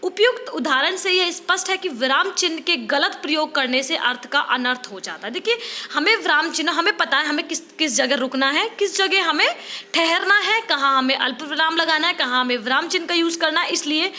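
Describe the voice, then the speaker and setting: A woman's voice: sits high, expressive, a little fast, sharp tone. A young woman giving a chatty online lesson, mixing in English and often saying "see" and "okay". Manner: chatty, repeats "dekhiye" and "theek hai". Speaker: online teacher for teacher-training exam. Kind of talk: casual Hindi-English lecture.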